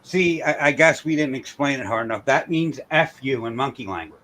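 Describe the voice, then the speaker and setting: A man's voice: mid-range voice, expressive, brisk, sharp tone, slight background noise. A man voicing a matter-of-fact male zookeeper in a joke he is telling. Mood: offhand.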